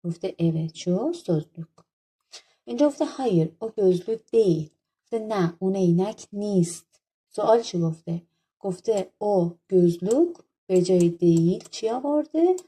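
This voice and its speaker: A woman's voice: mid-range voice, lively intonation, dark tone, breathy edge. A woman teaching a language lesson, working patiently through textbook exercises, asking questions and answering them herself. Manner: patient, asks questions then answers them, slow over example phrases.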